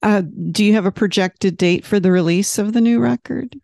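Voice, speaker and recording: A woman's voice: medium pitch, moderate pace, vocal fry, a little mellow, no echo, studio quality. A woman from Detroit interviewing a musician in a casual, encouraging way, with frequent murmured back-channel responses. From Detroit, United States.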